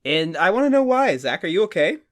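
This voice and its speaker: A man's voice: high-pitched, sing-song. A man co-hosting a casual podcast, chiming in, teasing his co-host and laughing often. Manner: teasing, laughs often, quick back-channel replies. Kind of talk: casual rewatch podcast chat.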